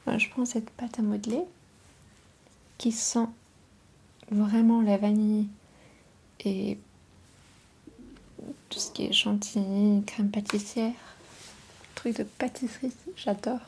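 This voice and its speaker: A woman speaking softly in an ASMR style, drifting into whispers, her voice hoarse and husky from a cold, with a gentle, unhurried manner. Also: mid-range voice, flat delivery, slight background noise. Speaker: ASMR video host.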